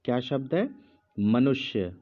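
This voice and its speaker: Male teacher, slow measured dictation, muffled lo-fi sound. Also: medium pitch, animated, darkish tone. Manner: speaks slowly with pauses, repeats each word. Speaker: Hindi teacher.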